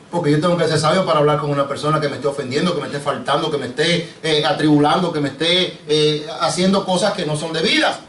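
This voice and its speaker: Un pastor predicando con acento caribeño a su congregación, con preguntas frecuentes y tratándolos de hermanos. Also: male voice, high-pitched, fairly bright tone. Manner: preachy, asks the congregation questions, addresses them as brother. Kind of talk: sermon. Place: church sanctuary. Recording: echoey church, mic off at a distance.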